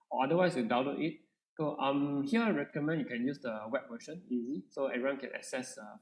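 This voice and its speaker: A man with a Malaysian accent teaching an informal coding lesson, switching between English and Malay, halting and often checking that listeners follow. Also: medium pitch, gravelly, darkish tone. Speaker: coding workshop instructor. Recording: echoey room, faint background noise.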